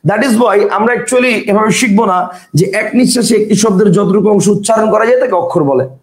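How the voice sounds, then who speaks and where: A man's voice: sits high, fairly quick, roomy sound. A man giving a grammar lecture in a classroom, repeating points and putting questions to his students. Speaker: teacher.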